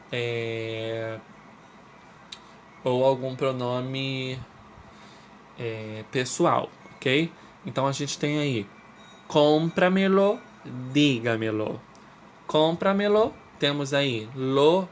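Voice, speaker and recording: Male language teacher, native Portuguese speaker, unhurried and methodical, stresses example words, asks "ok?" often, faint hiss behind. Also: mid-range voice. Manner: explains step by step, checks in with "ok?" after each point. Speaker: Spanish teacher. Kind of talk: recorded review lesson for schoolchildren.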